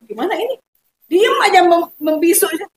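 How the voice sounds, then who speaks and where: Lively high-voiced Sundanese woman. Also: a little fast, a little hiss or hum. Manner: animated storytelling, acts out quoted voices in Sundanese. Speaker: interview guest telling her story. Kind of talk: emotional personal testimony.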